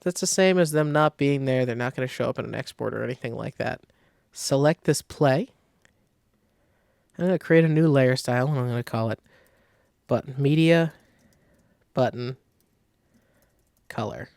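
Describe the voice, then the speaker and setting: Thinking aloud as he goes, a design software tutorial host walks through his work in an informal screen recording, his voice noticeably gravelly and creaky. It sits a little high with a darkish tone, captured close and dry with no echo.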